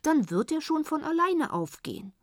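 A woman's voice: sits high, very animated, normal speed, no echo, studio quality, voice pushed up. A woman reading aloud, voicing a matter-of-fact, know-it-all uncle in a storybook.

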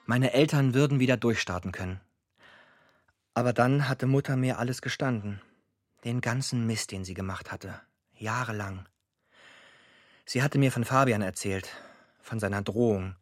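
Over clear music, a man narrates a radio drama as a grown son remembering his family's troubles, using short, dry, matter-of-fact sentences. His natural, medium-pitched voice moves at a moderate pace with long pauses, and the recording is dry.

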